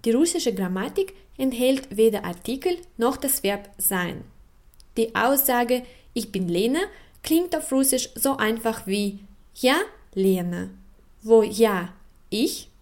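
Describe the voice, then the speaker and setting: A woman giving scripted educational narration, explaining things in a clear, measured way with carefully spoken example words. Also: a little high, lively intonation, a little mellow. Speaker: narrator of a language feature.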